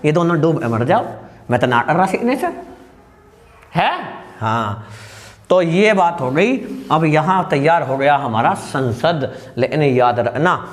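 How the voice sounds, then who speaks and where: A man teaches a class in a high, very animated voice that rises and falls widely. He keeps firing questions at his students and answering them himself, with jokes along the way. Now and then he shouts to make sure a point sticks. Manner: shouts at times to stress a point. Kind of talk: lively classroom lecture.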